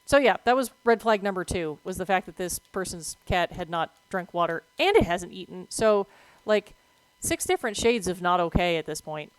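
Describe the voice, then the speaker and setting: A woman's voice: on the low side, animated, normal speed, clear, resonant tone, no echo, rough recording. A woman streaming a game who explains veterinary matters in a blunt, casual way, swearing freely and breaking off to react to the game. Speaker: streamer with veterinary work experience.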